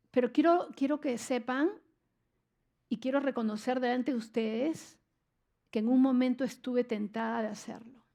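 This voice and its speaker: An older woman preaching a church sermon, telling a personal testimony in an earnest, emotional way with frequent halting restarts. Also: high-pitched, mellow.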